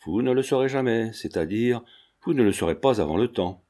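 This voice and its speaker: A man's voice: medium pitch, animated, a little fast, warm tone, close to an everyday voice. A man reading the part of a boastful, quarrelsome old village mother in a storybook. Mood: smug. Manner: quarrelsome, teasing.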